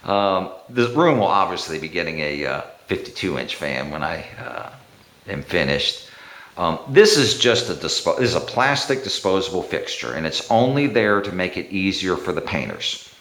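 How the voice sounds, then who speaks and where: A man tells a family story to the camera in a bare room that rings with echo. His voice sits fairly low but swoops around a lot. He rambles, chuckles, and gets animated when he quotes people. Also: normal speed. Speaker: homeowner documenting a room.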